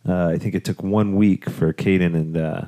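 A man's voice: low-pitched, steady tone, normal speed, mellow. A middle-aged man and father hosting a casual family podcast from a home studio, encouraging and jokey. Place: home room turned audio studio.

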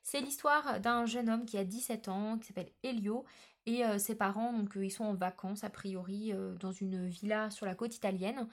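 A woman's voice: medium pitch, fairly even intonation, moderate pace. A woman talking casually in a book vlog, often hesitating with filler sounds and restarts. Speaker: book vlogger.

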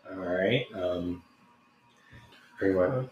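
A man's voice: low-pitched, takes it slowly, lo-fi sound. A man playing a character in a tabletop game, talking in a laid-back, hesitant way. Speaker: player. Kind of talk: casual tabletop play. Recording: echoey room with faint noise.

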